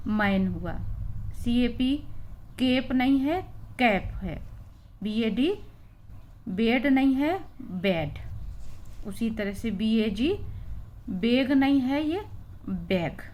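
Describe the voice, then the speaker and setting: A woman teaching a slow English phonics lesson, spelling words letter by letter and stressing the right pronunciation. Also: on the high side, a little mellow. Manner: spells out words letter by letter, then pronounces them; patient, stresses the correct pronunciation.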